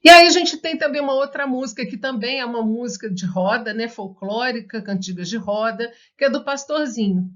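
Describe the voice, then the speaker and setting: Brazilian woman teaching music, high voice. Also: animated, fairly bright tone. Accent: Brazilian Portuguese. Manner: explains slowly, sings children's songs while clapping. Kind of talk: online lesson for teachers. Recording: dull lo-fi recording.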